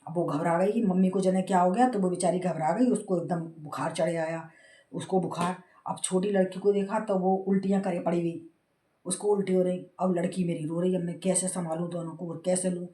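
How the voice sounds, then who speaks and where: A woman's voice: lowish voice, fairly even intonation, a little fast, warm tone, roomy sound. A middle-aged woman vlogging in a casual, rambling way, telling an emotional story about her family.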